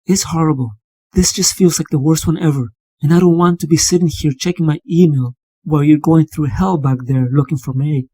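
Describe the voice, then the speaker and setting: Fretful young woman, as a man voices her, rambling on about her worries in a higher, husky register. The tone is mellow and dark, and the read is close and dry for a motion comic. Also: fairly quick, dry recording. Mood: anxious. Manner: anxious, rambling.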